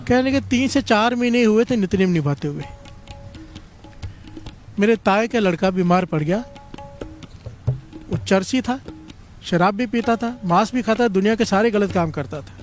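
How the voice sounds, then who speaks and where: A man's voice: high voice, normal speed, long pauses, soft background music. A man preaching a Sikh storytelling sermon, calling the congregation to answer back again and again. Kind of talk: storytelling sermon with call-and-response.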